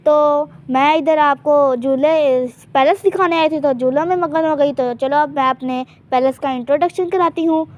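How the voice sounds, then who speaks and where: A woman's voice: high voice, steady tone, moderate pace, hardly any pauses, a little mellow, lo-fi sound. A woman casually narrating a life-sim game in character, chatty and teasing, often hinting at secrets she won't share. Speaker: gameplay channel host.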